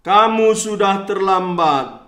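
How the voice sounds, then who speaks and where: A man voicing a stern old patriarch who speaks slowly, gravely and firmly, in an echoey room. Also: high-pitched, a bit bright, voice pushed down. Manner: slow, grave and firm.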